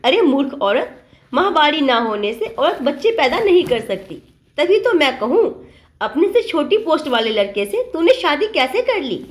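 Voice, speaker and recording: A woman's voice: sits high, very animated, moderate pace. A woman doing a strict, scolding mother-in-law. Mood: shocked shouting. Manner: scolding, lecturing. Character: strict traditional middle-aged mother-in-law.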